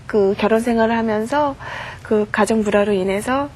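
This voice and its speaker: Woman guest, middle-aged, slightly high voice; earnest storytelling testimony, faint background hum. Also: normal speed, darkish tone. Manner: earnest storytelling, acts out quoted prayers and dialogue.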